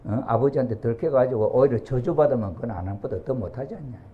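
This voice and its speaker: A man's voice: mid-range voice, fast, narrow, tinny audio, close to an everyday voice. A man doing a timid, nervous younger son.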